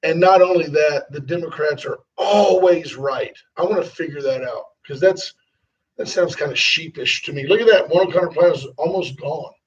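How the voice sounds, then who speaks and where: Radio co-host, wisecracking, high voice, a bit off-mic, dull sound. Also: male voice, moderate pace, far from the mic. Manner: joking, wisecracking. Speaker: radio talk show co-host. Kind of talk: casual chat and live ad reads.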